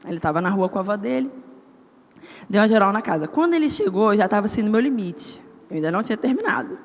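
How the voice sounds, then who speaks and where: A woman preaching a sermon at a women's service, telling personal stories in an animated way and acting out the dialogue. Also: mid-range voice, fast. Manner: animated storytelling, acts out quoted dialogue. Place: church hall. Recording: church hall with long reverb.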